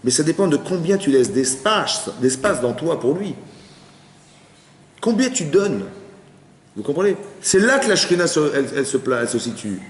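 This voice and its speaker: A man teaching an informal Torah class to an audience, lively and conversational, often asking whether his listeners follow. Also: fairly high pitch, moderate pace. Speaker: rabbi. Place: study hall with audience. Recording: roomy hall with long reverb.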